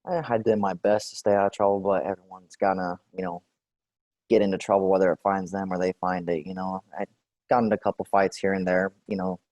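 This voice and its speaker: A man in his forties from Texas, answering questions in a clinical interview in a relaxed, hesitant way with many fillers. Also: low voice, brisk, no room sound, dull audio. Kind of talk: role-play clinical interview.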